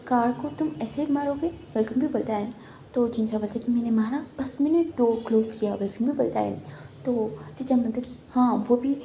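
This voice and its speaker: Mellow-voiced woman rambling through a retelling. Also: a little high, vocal fry, slight background noise. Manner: rambling, loops back on the same stock phrases. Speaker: fan fiction narrator. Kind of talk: casual story retelling.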